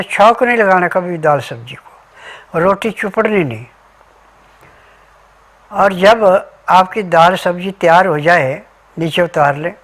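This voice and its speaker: In a high, fairly bright voice, a man delivers health instructions as a remedy advisor, setting out ingredients and diet rules step by step in a methodical way.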